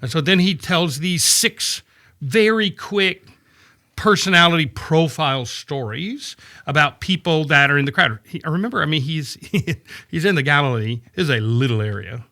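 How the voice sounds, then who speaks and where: A man explaining scripture in a casual podcast chat, animated and storytelling, often checking in with "right?". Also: on the high side, moderate pace. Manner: animated storytelling, acts out quoted voices, frequent "right?" checks. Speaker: podcast guest discussing scripture. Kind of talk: casual conversational Bible teaching.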